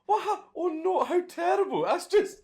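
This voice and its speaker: A shrill, fake-horrified cartoon character. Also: male voice, lively intonation, moderate pace, a little mellow. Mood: mock horror. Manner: gasping over-the-top fake dismay.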